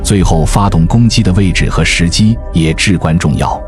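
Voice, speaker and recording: This narrator has a deep voice and delivers scripted nature documentary lines in a measured, storytelling manner, with music underneath.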